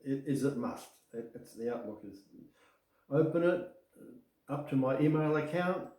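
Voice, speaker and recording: A man's voice: fairly high pitch, normal speed, mellow. A man chatting casually as a trainee in an assessment, often repeating short affirmations. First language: Macedonian. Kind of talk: casual spoken assessment conversation. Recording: echoey room.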